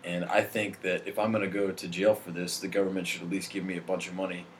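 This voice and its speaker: A man with a very low voice talks in a deadpan, halting way, padding his lines with fillers. He is co-hosting a casual comedic podcast chat. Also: slight background noise. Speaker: podcast co-host.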